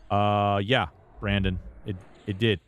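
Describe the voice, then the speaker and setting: A low-voiced man streams a game and chats about his character in a loose, rambling way, full of fillers and self-corrections. A faint hiss sits under his voice. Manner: rambling, many fillers and restarts. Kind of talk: casual gameplay commentary.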